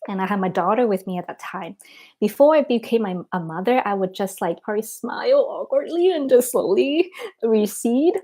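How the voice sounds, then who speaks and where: A woman's voice: mid-range voice, animated, moderate pace, mellow. Chatty woman answering viewer comments. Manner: chatty, frequent "like" and "um" fillers, laughs between thoughts. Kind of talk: casual livestream chat.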